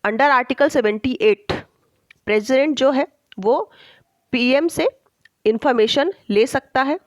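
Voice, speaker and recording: A woman teacher explaining a textbook chapter, reading English lines slowly and checking in often with her students. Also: sits high, dry recording, rough recording. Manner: slow, deliberate reading of English lines, with frequent check-ins.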